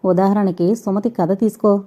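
A woman voicing an earnest young man who calmly reasons and pleads his love, read as an audiobook character. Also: mid-range voice, normal speed, lightly acted. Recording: dull lo-fi recording.

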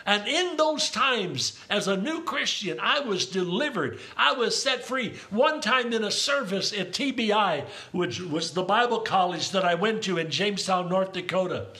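An older man preaches a Pentecostal sermon in a high, swooping voice that leaps around animatedly. His tone is bright and forceful, full of exuberant hallelujahs and calls to praise. He breaks into speaking in tongues now and then.

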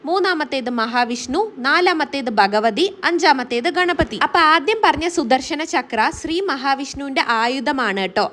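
A woman's voice: high voice, a bit bright. A woman from Kerala narrating her family vlog as a casual voice-over, chatty and tagging her sentences with friendly little asides. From Kerala, India. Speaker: family vlogger.

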